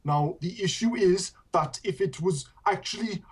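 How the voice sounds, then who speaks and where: A man's voice: sits high, unhurried, slight background noise. A man voicing an indignant male Welsh conspiracy-theorist caller, putting on a poor Welsh accent over a Birmingham one. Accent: fake Welsh put on by a Birmingham speaker. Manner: indignant, combative, ranting. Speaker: prank caller.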